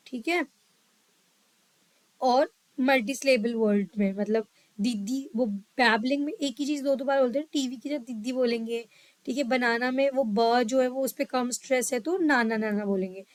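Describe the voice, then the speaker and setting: A woman teaching a psychology lesson, reading English lines slowly and explaining them in quicker Hindi, often checking in with her listeners. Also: high-pitched, no echo, poor audio. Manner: checks in with "ठीक है". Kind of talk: lecture mixing Hindi and English.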